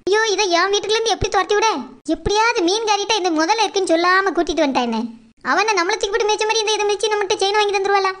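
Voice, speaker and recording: A woman's voice: extremely high pitch, rapid-fire, a bit bright. A woman voicing a timid village woman with a Kanyakumari Tamil accent who pleads and whines to get her chain back. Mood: pleading. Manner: pleading, whiny, tearful. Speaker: cartoon voice artist.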